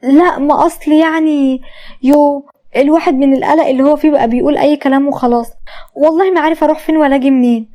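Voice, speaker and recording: A woman's voice: high voice, fairly even intonation, rapid-fire, dark tone, close to an everyday voice. A woman voicing a worried, flustered man with an Egyptian Arabic accent in a read-aloud story. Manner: fretful, flustered. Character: worried anxious middle-aged man.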